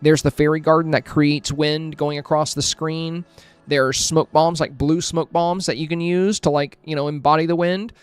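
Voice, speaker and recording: A man's voice: a little high, fairly even intonation, moderate pace, clean tone. Chatty man giving friendly critiques. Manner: friendly, thinking aloud with many fillers and restarts. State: hiccuping, with a headache. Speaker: streamer reviewing game screenshots. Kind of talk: casual live-stream review commentary.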